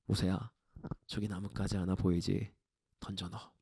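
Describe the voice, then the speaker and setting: A man voicing a deity who gives quiet, terse commands in a low, firm tone. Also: level tone, normal speed, creaky, husky, dry recording, clean studio sound, heavily acted. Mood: calm firm.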